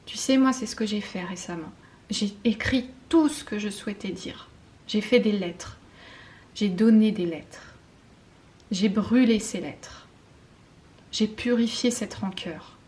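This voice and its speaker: A French woman giving a spiritual card-reading guidance, talking softly and intimately, often slipping into a whisper, with hesitant fillers and self-mocking laughs. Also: mid-range voice. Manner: slow, soft and intimate, often dropping to a whisper. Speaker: tarot card reader.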